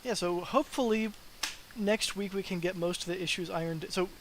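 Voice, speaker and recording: A man's voice: high-pitched, moderate pace, slight background noise, low-quality recording. A young man chatting casually on his live development stream, rambling with lots of fillers and sounding tired.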